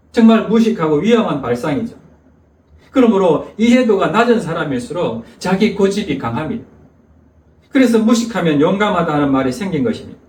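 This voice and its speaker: A male pastor delivers a sermon in a high, lively voice, telling stories emphatically. The sound is distant and fills a reverberant church sanctuary. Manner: storytelling preacher, emphatic. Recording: echoey church hall, distant mic.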